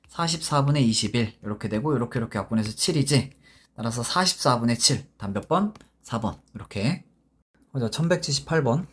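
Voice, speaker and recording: A man teaching a math lesson in a casual, informal way, working problems step by step and often stopping to ask if the students follow. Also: mid-range voice. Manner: informal, constantly checking understanding with short tag questions; talks while working problems step by step, with self-corrections.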